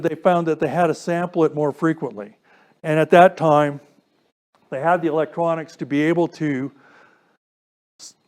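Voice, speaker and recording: Giving an informal technical talk to a radio club, this man has a fairly high, darkish voice. He walks through the material step by step and puts questions to his audience.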